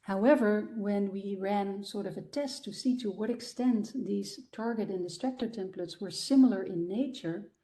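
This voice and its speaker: Woman lecturer, mellow tone, explanatory, full of ums and restarts, talk on research findings. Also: medium pitch, normal speed, hardly any pauses. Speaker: guest lecturer.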